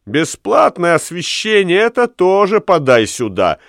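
A man's voice: sits high, big pitch swings, moderate pace, creaky, fairly bright tone, no room sound, clean studio sound, pitched above the performer's own voice, exaggerated voice. A man voicing a crowd of bawdy young women who tease brashly in a raised voice. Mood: teasing. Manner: teasing, brash.

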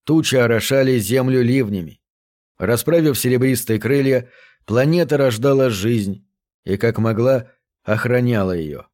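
A man reading a science fiction story aloud as narrator, steady and measured. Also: medium pitch. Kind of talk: audiobook narration.

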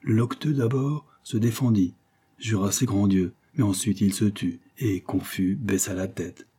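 A man reading a short story aloud in a slow, measured way. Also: fairly low pitch, fairly even intonation, warm tone, breathy edge. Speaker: narrator.

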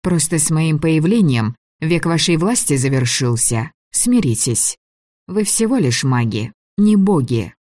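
A man voicing a proud, sharp-tongued young sorceress, throwing scornful retorts in an audiobook reading. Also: fairly high pitch, lively intonation, measured pace, no echo, clean studio sound, pitched above the performer's own voice. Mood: defiant.

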